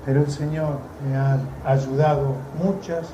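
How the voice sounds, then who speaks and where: A man's voice: medium pitch, little pitch movement, measured pace, lo-fi sound. A man with an Argentine accent who preaches a conversational sermon in a church, with sarcastic asides. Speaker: missionary preacher. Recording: echoey church room, faint noise.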